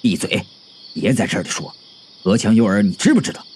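A man voicing a curt, impatient young man who snaps short, hushed replies. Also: lowish voice, animated, normal speed, slight background noise, voice pushed down, natural voice. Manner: snappy, hushed warnings.

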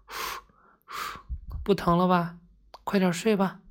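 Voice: mid-range voice, flat delivery, moderate pace, natural voice. A narrator voicing a whispery green paint blob. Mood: coaxing. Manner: quiet, whispery, coaxing. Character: kind, patient green paint blob coaxing toys to sleep. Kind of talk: bedtime story reading.

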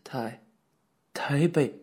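A man voicing a frightened young man who answers in a quiet, hesitant, trembling voice. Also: mid-range voice, very slow, slightly rough.

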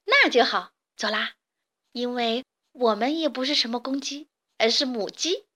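An excitable, clever little hen, as a woman voices her, eager and loud with ideas tumbling out. Her voice sits high and bright for a storybook heroine. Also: full character voice. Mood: relieved. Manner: eager, loud and quick-fire. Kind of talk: children's audiobook character voice.

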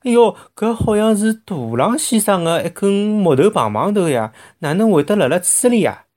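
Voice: medium pitch, lively intonation, normal speed, a little mellow, pitched above the performer's own voice, lightly acted. A storyteller as an anxious lady bird, Shanghainese accent. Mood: startled. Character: female bird friend, anxious, helpful young lady.

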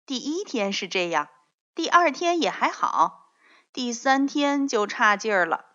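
Animated woman children's storyteller, unhurried. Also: fairly high pitch. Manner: animated, addresses young listeners directly. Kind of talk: expressive scripted storybook narration. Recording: slightly dull, lo-fi audio.

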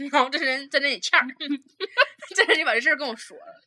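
A woman's voice: sits high, expressive, fairly quick, bright, forceful tone. A young woman with a Northeastern Mandarin accent, hosting a casual storytelling chat in a blunt, profane way, laughing often as she tells it. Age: young adult. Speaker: podcast host.

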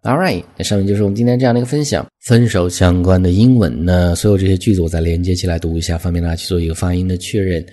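Deep-voiced male English tutor, dark and husky, patient with slow repeats. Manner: patient, repeats words slowly for pronunciation. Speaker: English teacher. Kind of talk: explaining English vocabulary.

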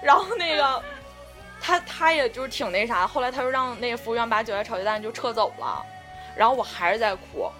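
A woman's voice: on the high side, fast talker, sharp tone, soft background music. A woman chatting casually on a podcast, telling a story in a rambling way with lots of fillers and the odd swear word. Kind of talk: casual chat.

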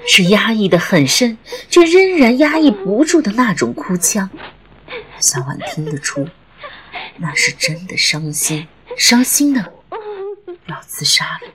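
A woman narrating a suspenseful audiobook in an expressive storytelling manner. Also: mid-range voice.

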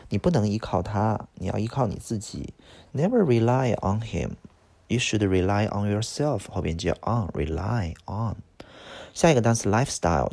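A man teaching English vocabulary in a recorded lesson, explaining each word with quick example sentences and frequent "OK" fillers. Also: on the low side, creaky, a little mellow.

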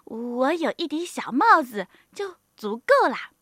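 A woman voicing a frail little old woman with a shrill, high voice in a storybook reading. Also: sing-song, measured pace, fairly bright tone, no echo, clean studio sound, exaggerated voice. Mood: scolding, kindly.

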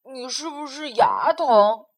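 A woman voicing a big, kind male bear who speaks in a muffled, booming, slow way.

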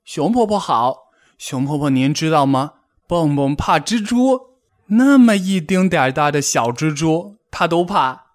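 A man's voice: on the high side, sing-song, measured pace, pitched above the performer's own voice. A man voicing a cheeky young male frog in a storybook, teasing in a mocking, sing-song way. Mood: tattling.

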